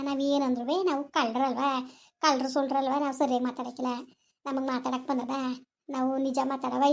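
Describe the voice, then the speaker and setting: A woman playing a quarrelsome elderly village grandmother who scolds and rants, appealing to her listeners in a comedy skit. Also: high voice.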